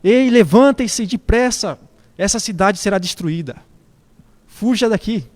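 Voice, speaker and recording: A man voicing an aged patriarch who urgently shouts a warning to his family. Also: medium pitch, steady tone, fast, big-room sound, pitched below the performer's own voice, close to an everyday voice.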